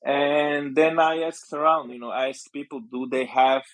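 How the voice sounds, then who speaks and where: A man, a startup founder guesting on a podcast. He tells his story in a relaxed, rambling way, filled with "uh" and "you know." His voice sits at an ordinary middle pitch for a man. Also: moderate pace, poor audio. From Croatia. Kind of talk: casual podcast interview.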